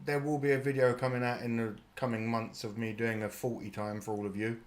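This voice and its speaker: A man's voice: medium pitch, little pitch movement, brisk. Brief: a casual British streamer in his thirties with a mid-range voice, loose and jokey, swears freely. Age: 30s. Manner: chatty and jokey, laughs often, swears casually. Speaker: streamer hosting a watch party. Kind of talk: live reaction chat.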